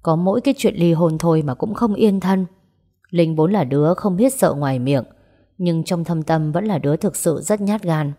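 A woman narrating a romance story aloud and voicing its characters in a gentle, even way. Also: on the low side, normal speed. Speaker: audiobook narrator. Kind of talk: storytelling narration with dialogue voices.

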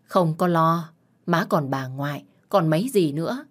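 A woman's voice: low-pitched, expressive, measured pace. Woman voicing a long-suffering mother. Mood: gentle. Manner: pleading, then sharply scolding. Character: long-suffering mother, patient then defiant.

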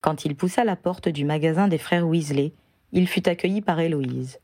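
A woman reading a fan novel aloud in a measured, even narration. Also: low-pitched, no room sound, studio quality. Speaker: audiobook reader. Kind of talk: storybook narration.

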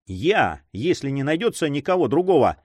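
A man's voice: on the high side, very animated, moderate pace, dry recording. A man voicing a bold, brash young male adventurer in a read-aloud story, dry close sound. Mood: confident. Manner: brash, self-assured.

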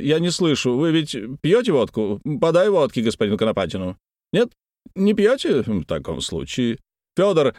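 A man's voice: lowish voice, a little mellow, no echo, clean studio sound. A man voicing a pompous, self-important official who speaks in a commanding, condescending way in an audiobook.

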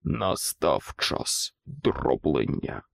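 A man voicing a menacing male living boot in a storybook, with a low, slow, threatening growl. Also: huge pitch swings, creaky, a bit bright, heavily acted.

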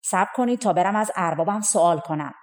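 A woman's voice: lowish voice, animated, natural voice. A woman voicing a polite farmer in a folk tale, welcoming a newcomer. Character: obliging male farmer.

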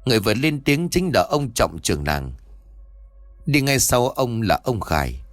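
A man's voice: mid-range voice, normal speed, dry recording, soft background music. A man narrating a scripted horror story and voicing its characters himself. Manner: lively, voices the characters' dialogue himself.

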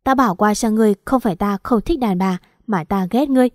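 A woman's voice: mid-range voice, fast talker, no room sound, clean studio sound, close to an everyday voice. A woman voicing a domineering, contemptuous male king in an audio story, speaking in cold commands. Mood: cold contempt.

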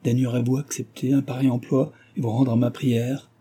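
A man voicing a passionate young gentleman suitor, speaking in a fervent, imploring and formal way. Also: medium pitch, level tone, normal speed, breathy edge, pitched above the performer's own voice, natural voice. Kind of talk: audiobook character reading.

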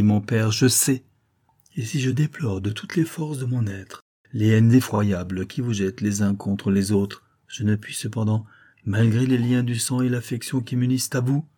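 A man's voice: mid-range voice, warm tone, lightly acted. A man reading a novel aloud, voicing a devoted young daughter who pleads earnestly with her father. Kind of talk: audiobook character reading.

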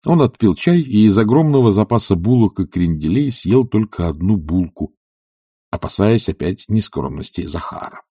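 A man narrating a classic novel as an audiobook, measured and expressive. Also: lowish voice, husky, dry recording, clean studio sound. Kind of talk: literary audiobook reading.

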